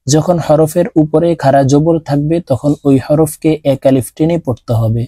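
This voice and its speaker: Man teaching slow drawn-out letter drills. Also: fairly high pitch, warm tone, husky, no room sound. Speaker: Quran reading teacher. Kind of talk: step-by-step recitation lesson.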